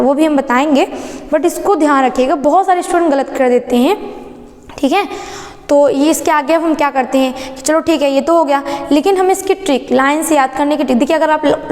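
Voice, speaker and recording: A woman teaching a basic science lesson, explaining step by step and answering her own questions as she goes. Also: high-pitched. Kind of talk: classroom lesson. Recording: echoey room reverb.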